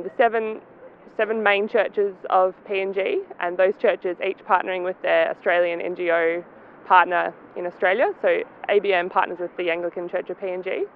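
A young woman, a program coordinator, introducing a colleague and explaining a program clearly to camera outdoors. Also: medium pitch, fairly even intonation, normal speed, narrow, tinny audio, slight background noise. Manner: clear, explanatory, with some fillers. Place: outdoors in a city.

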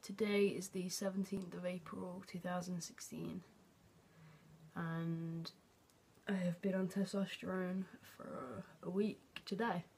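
A young man talks into the camera at home in a slow, level way, his pitch staying flat with little lift. He hesitates often and lets the ends of his phrases sink into a near-whisper. A faint hiss of room noise sits under him. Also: vocal fry. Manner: hesitant, halting, with many fillers and restarts. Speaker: vlogger. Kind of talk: casual video diary. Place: at home, indoors.

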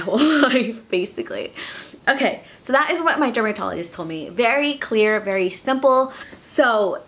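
A woman's voice: mid-range voice, a bit bright, a little hiss or hum. A young woman talking casually to camera in a vlog, earnest and chatty, with frequent ums. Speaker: beauty vlogger.

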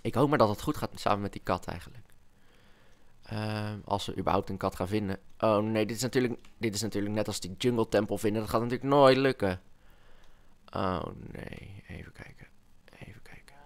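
A young man casually talking through a game as a YouTuber, excitable and chatty, dropping to whispers and coaxing in-game animals. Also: on the low side, a little fast. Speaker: gaming YouTuber. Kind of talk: casual Let's Play commentary.

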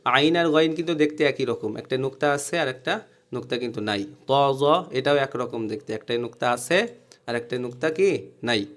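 A man's voice: medium pitch, normal speed, fairly bright tone. A man teaching Quranic letter pronunciation in a recorded class, drilling each sound by repeating it and explaining where the tongue goes.

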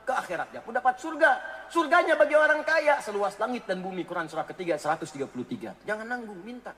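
A man's voice: high-pitched, quick pace. A man preaching a radio sermon, joking and telling anecdotes as he speaks straight to his listeners. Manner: joking, animated storyteller addressing listeners directly. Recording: long hall reverb.

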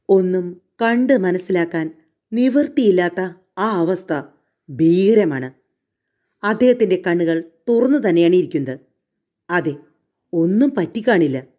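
A woman narrating a suspense story in a measured, dramatic reading. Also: fairly low pitch, warm tone.

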